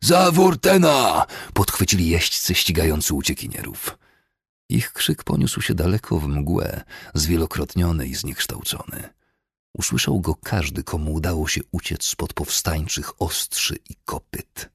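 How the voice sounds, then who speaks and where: A man narrating a fantasy audiobook with a very low, gravelly and husky voice. His delivery is steady and measured, recorded dry and close to the mic. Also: dry recording.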